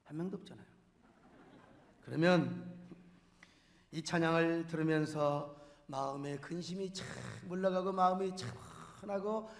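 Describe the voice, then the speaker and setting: A man's voice: a little high, measured pace, pauses often. A middle-aged man pastor preaching a sermon emphatically, with many rhetorical questions and humorous asides to the congregation. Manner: humorous, addresses the congregation directly. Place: large church sanctuary. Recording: echoey church sanctuary.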